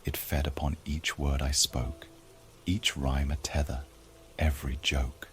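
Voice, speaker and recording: A man voicing a haunted, cursed man who confesses in hushed, half-whispered rhyme. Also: a bass voice, flat delivery, measured pace, slight background noise.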